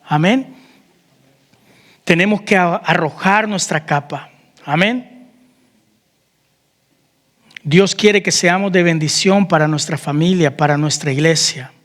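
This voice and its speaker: High-voiced pastor preaching in a hall. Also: male voice. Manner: preaching with questions to the congregation, calling out amen. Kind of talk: sermon. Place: church hall.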